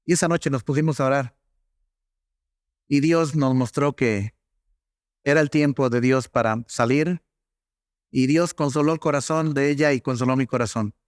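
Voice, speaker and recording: Middle-aged pastor preaching, chatty and anecdotal, with a high, expressive voice. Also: male voice, dry recording, studio quality. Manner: anecdotal, conversational preaching with frequent asides to the congregation. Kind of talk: sermon.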